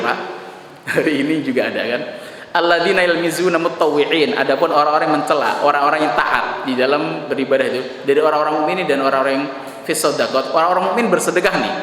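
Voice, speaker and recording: Male preacher, slightly raised pitch, chatty lively storyteller, long hall reverb. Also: slight background noise. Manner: lively storytelling with casual slang asides. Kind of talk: conversational sermon. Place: mosque hall. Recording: echoey mosque hall with faint ambience.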